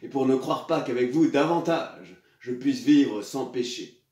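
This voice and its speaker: A man's voice: medium pitch, unhurried, darkish tone, close to an everyday voice. A man playing a suave, hypocritical nobleman seducer in classical French theatre, declaiming in a pompous, hammy stage manner. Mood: pompous false piety. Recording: echoey room, far from mic.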